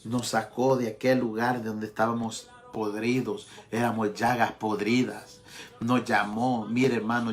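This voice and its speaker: A man's voice: fairly low pitch, a bit bright. A man preaching a Pentecostal sermon as pastor, fervent and repeating his address to the congregation. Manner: impassioned preaching, repeats "amados hermanos". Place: church.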